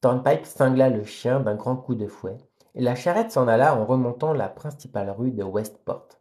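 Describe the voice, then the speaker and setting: A man's voice: medium pitch, expressive, moderate pace, dark tone. A man reading a classic novel aloud during a live phone stream, stopping now and then to chat with viewers and sum up the story in plain, hesitant talk.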